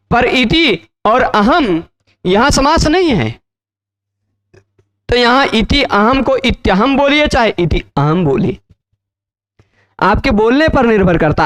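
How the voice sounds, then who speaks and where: A man's voice: extremely high pitch, fairly bright tone. A man teaching Sanskrit grammar in a lecture, explaining step by step, repeating key phrases and asking checking questions.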